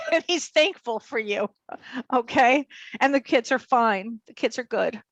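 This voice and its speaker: A woman's voice: a little high, lively intonation, unhurried, dry recording, poor audio. A woman working as a psychic medium, relaying messages hesitantly in short, restarting phrases. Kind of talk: live mediumship reading.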